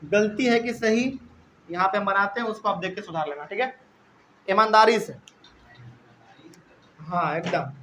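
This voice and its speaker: Male teacher, young, very high bright voice, classroom lecture, repetitive and drawn-out, faint room noise. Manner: repetitive, drawn-out, checks in with students. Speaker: chemistry teacher. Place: classroom with live and online students.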